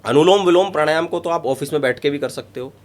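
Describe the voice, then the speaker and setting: A man's voice: fairly high pitch, fast talker. A man, a yoga guru, explaining breathing exercises step by step in an interview, emphatic and repetitive. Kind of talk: instructive interview talk.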